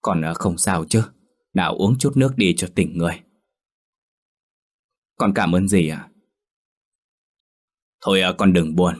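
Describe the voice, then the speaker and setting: Man reading a gentle kindly old maid. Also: low voice, unhurried, pauses often. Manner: gentle, soothing. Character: kindly older woman servant.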